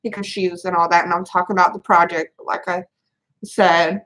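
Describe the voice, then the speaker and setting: A mother of three venting to her camera, halting and rambling with many restarts as she holds back tears. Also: lowish voice, little pitch movement, a bit bright, poor audio. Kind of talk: tearful personal venting to camera.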